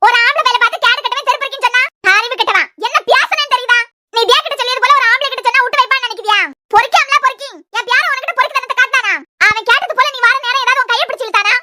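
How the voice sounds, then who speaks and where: Woman doing a grandmother, Kanyakumari Tamil accent, very high bright voice, dry sound. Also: dry recording. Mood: scolding. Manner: sharp, scolding, quick-fire. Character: fierce scolding grandmother of a hot-headed grandson. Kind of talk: cartoon web series voice acting.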